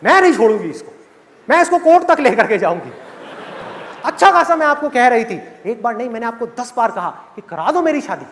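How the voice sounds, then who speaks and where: A man's voice: extremely high pitch, big pitch swings, fairly quick, a bit bright, full character voice. A man voicing an indignant newlywed daughter who dramatically complains to her father. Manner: dramatic, outraged storytelling voice. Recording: reverberant hall with faint ambience.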